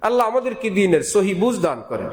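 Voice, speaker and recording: Talking fast in a high-pitched, very animated voice, this man is an Islamic preacher giving a Bengali waz sermon. He is emphatic, asks rhetorical questions, and keeps repeating his key phrases.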